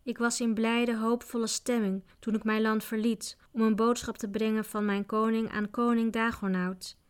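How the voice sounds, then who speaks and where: A woman's voice: a little high, little pitch movement, normal speed, clear, resonant tone, close to an everyday voice. A woman reading aloud, voicing an earnest young male knight. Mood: wistful. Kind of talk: audiobook character voice.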